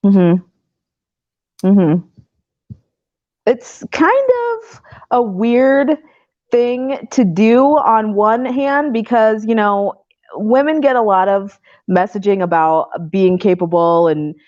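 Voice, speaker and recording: A woman's voice: mid-range voice, slow pace, pauses often, darkish tone, dry recording. A woman on a video call, telling stories in a chatty way and laughing often. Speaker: caller. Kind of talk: casual call-in chat. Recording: dry, dull lo-fi call audio.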